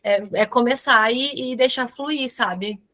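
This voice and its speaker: A woman's voice: on the high side, slow, bright, forceful tone. Chatty woman. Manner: chatty, encouraging, many tag questions. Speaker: book club organizer. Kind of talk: casual group chat.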